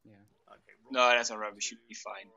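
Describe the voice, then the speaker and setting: A man's voice: medium pitch, fairly even intonation, quick pace, bright, forceful tone. A man leading a team in a military game, casually explaining tactics in a hesitant way over voice chat. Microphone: gaming voice chat. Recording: dull online voice chat.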